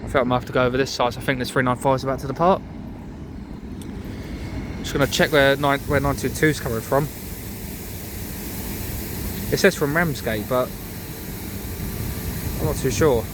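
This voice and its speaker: A man's voice: mid-range voice, fairly even intonation, normal speed, pauses often. A man giving casual, off-the-cuff trainspotting commentary. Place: outdoor railway station platform. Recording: outdoor station with clear train noise.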